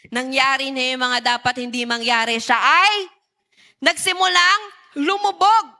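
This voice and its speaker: A woman's voice: high-pitched, bright, forceful tone. A woman preaching a sermon to young people, often putting questions to her listeners. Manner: engaging, asks the audience questions. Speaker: youth preacher.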